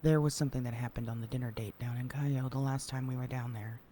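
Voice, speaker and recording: A man in an in-character roleplay conversation, speaking in a measured way and sometimes dropping to a hushed whisper. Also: mid-range voice, fairly even intonation, slight background noise. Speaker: roleplay player.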